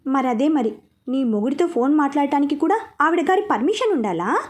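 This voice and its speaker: Woman reading as a young husband, teasing, possessive, bossy, high-pitched storybook voice. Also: animated, a little fast, a little mellow. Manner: playful, bossy and lovestruck.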